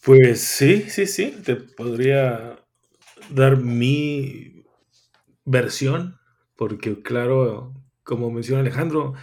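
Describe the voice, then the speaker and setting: Gravelly-voiced man from Tijuana. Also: mid-range voice, takes it slowly, darkish tone. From Tijuana, Mexico. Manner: thoughtful, with frequent restarts and tag questions. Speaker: guest, writer and visual artist. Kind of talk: conversational interview answers.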